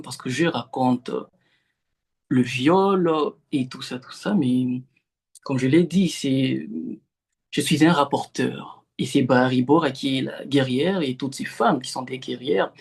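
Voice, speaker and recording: A young novelist from the Democratic Republic of the Congo, a native Swahili speaker, answers literary interview questions as a guest over a remote call. His voice is mid-range and husky, and he speaks haltingly with many fillers and restarts.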